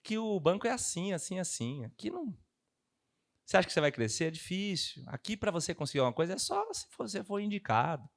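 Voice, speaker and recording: Um homem fazendo a voz de uma jovem estagiária de banco, franca e desanimadora, num tom de aviso direto. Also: male voice, high voice, sing-song, fast, vocal fry, voice pushed up, exaggerated voice. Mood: blunt. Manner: frank, matter-of-fact warning. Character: young woman bank intern, blunt and discouraging.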